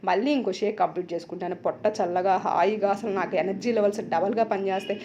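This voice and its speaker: A woman in her thirties, a wellness coach, chatting loudly and energetically in a casual vlog. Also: mid-range voice, slight background noise. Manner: loud, fast, energetic chatter.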